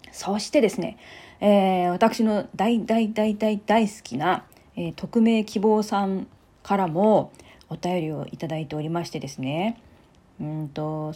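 Soft-spoken chatty Japanese podcast woman. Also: on the low side, slightly rough. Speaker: podcast host. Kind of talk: casual solo talk.

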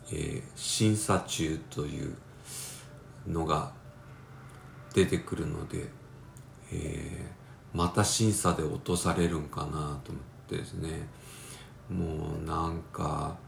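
Congested man, very low. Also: gravelly. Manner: rambling, hesitant, many fillers. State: congested, nasal from a cold. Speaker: podcast host. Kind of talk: casual solo talk. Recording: roomy with faint background noise.

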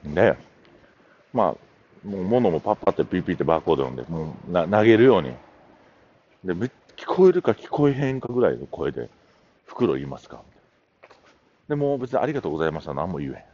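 A man's voice: low voice, vocal fry, mellow, husky, highs cut off. A middle-aged man with a Kansai accent, hosting a casual solo talk show and telling stories in a chatty, meandering way. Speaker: podcast host.

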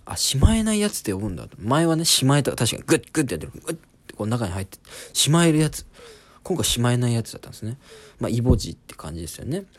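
A man's voice: mid-range voice, sing-song, fast, breathy edge. A man in his twenties, a comedian hosting a podcast, telling an embarrassing story in a casual, self-deprecating comic monologue. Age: 20s.

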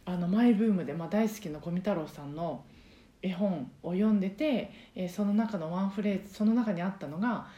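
A chatty woman talks through her points in a soft, breathy voice full of little fillers. Her tone is mellow and warm rather than bright. She sounds as if she is in an echoey room. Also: mid-range voice, fairly quick, dull audio. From Osaka, Japan. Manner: chatty, explanatory, many fillers. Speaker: podcast host and karaoke teacher. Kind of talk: casual solo podcast talk.

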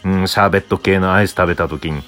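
A young man from Hokkaido hosting a solo podcast, rambling casually and answering himself with soft filler sounds. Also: sits low, fairly even intonation, rapid-fire, faint music behind. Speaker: podcast host.

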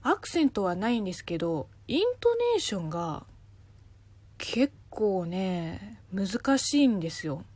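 A woman's voice: measured pace, slightly rough, dry recording. A woman from China with a light Chinese accent, hosting a casual solo radio talk and answering listener questions with spoken examples. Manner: chatty, explains with spoken examples, lively pitch swings.

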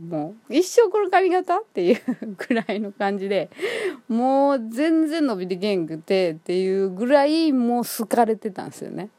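Kansai woman, solo chat host; bouncy, expressive delivery, laughs a lot, close and dry. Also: fairly high pitch, no room sound. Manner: chatty, laughs often, many fillers. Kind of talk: casual solo monologue.

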